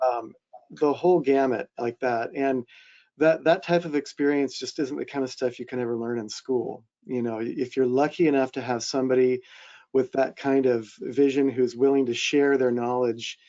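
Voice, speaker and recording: Earnest male editor with a dark, mellow voice. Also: medium pitch, fairly even intonation, normal speed, highs cut off. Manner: earnest, with frequent fillers. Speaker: editor and panelist. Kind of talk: reflective panel answer.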